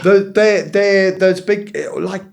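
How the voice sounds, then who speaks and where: A man's voice: high voice, fairly even intonation, slow pace, creaky, darkish tone. Fifties man, podcast co-host, amused storyteller, restarts a lot. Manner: rambling, self-amused storyteller with frequent restarts. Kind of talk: casual chat, storytelling.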